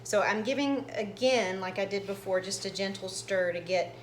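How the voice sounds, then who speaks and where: A woman's voice: mid-range voice, normal speed, reverberant, a little hiss or hum. A middle-aged woman hosting her own cooking channel in her home kitchen, casually talking through each step as she demonstrates it. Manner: chatty, explains each step as she goes.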